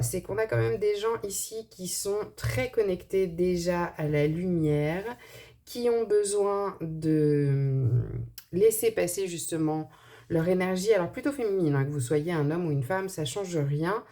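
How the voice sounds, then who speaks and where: Lower-pitched woman with a slight lisp. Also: unhurried, mellow. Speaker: tarot and angel card reader. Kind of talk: informal spiritual card reading to camera.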